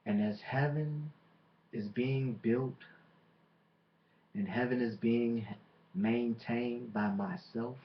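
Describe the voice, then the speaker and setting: Man, wrestling promo, slow boastful delivery, dramatic pauses, taunting, dull lo-fi recording. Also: medium pitch, steady tone.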